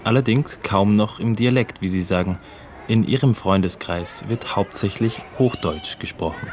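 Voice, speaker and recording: Deep-voiced man narrating a radio feature. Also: noisy background. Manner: measured, informative. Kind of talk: scripted narration.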